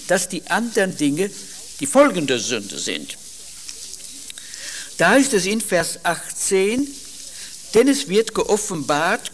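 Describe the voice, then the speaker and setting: Slow, lively-pitched German preacher. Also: male voice, slight background noise. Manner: emphatic, stresses single words, slow deliberate delivery; quotes scripture verses aloud. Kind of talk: sermon.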